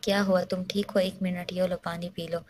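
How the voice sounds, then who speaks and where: A woman voicing a caring, anxious young woman who soothes her friend, in a low, flat voice. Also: moderate pace, slight background noise, close to an everyday voice. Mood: worried.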